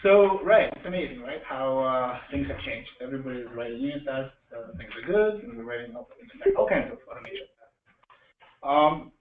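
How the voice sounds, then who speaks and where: Far from the microphone in a reverberant room, a male meetup host introduces speakers to a live audience, joking, stopping partway through sentences, and quizzing the crowd. His voice is expressive and mid-pitched with some vocal fry, and the audio is thin and narrow over a faint noise floor.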